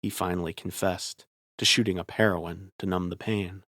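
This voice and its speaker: Low-voiced man narrating a horror story. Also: steady tone, normal speed, fairly bright tone, no room sound, studio quality. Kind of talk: scripted first-person horror narration.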